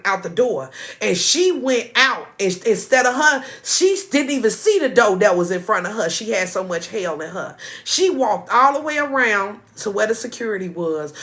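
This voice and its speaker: A woman's voice: mid-range voice, fairly bright tone. A woman hosting a livestream, giving a spiritual motivational talk in a preachy, repetitive, casual storytelling manner. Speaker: livestream host.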